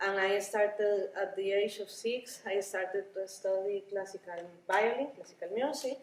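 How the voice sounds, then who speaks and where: Woman, halting, in a busy roomy hall. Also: mid-range voice, steady tone, a little hiss or hum. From Costa Rica. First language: Spanish. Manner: halting, frequent restarts and small laughs. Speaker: violinist and ethnomusicology researcher. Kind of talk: conference interview. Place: busy conference venue. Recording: roomy, distant, with busy crowd murmur.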